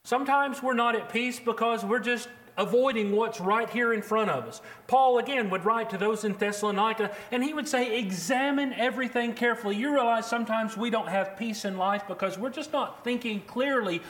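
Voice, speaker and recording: A man preaching a sermon, earnest and measured, slowing down to quote scripture. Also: very high voice, a bit bright.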